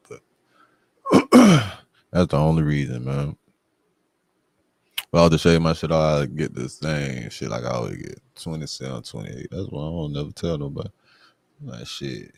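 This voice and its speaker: A man with an extremely deep, gravelly voice keeps up loose, joking banter as the host of a casual streamed show. He talks freely and profanely, and the sound is close and dry. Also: darkish tone, no room sound.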